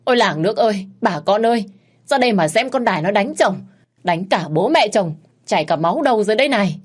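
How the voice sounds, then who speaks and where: A woman's voice: on the low side, normal speed, natural voice. A woman voicing a lazy, spineless husband who whines and defends himself. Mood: wailing.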